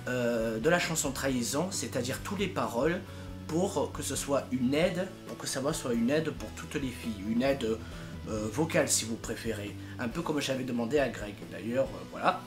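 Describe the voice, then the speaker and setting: Speaking over music at a normal speed and medium pitch, a young man makes an informal, casual announcement as a fandub project leader and video maker. He is a young adult, and he sounds exasperated and emphatic, exaggerating for comic effect.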